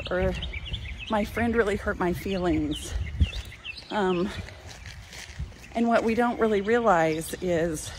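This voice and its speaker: Woman walking outside, unhurried, encouraging chat, phone mic, noticeable outdoor noise. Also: mid-range voice. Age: older. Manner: warm, encouraging, chatty. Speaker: cooking channel host. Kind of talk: casual walking vlog. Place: outdoors in a parking lot. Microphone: phone held at arm's length. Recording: outdoor phone audio with clear background noise.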